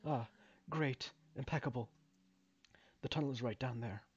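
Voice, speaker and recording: A man's voice: medium pitch, darkish tone, slightly rough, no room sound, close to an everyday voice. A man doing a fumbling mine overseer. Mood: explaining. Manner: halting, full of uhs and fumbling restarts. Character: hesitant male mine overseer, polite and rambling. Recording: dull lo-fi recording.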